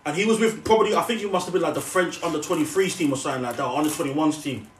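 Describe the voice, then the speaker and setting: A man's voice: a little high, very fast. A young man with a London roadman accent telling a story in casual, slangy banter, often repeating himself as he goes. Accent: London, multicultural street slang. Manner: animated, slangy, repetitive stumbling delivery. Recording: echoey room, distant mic, noisy.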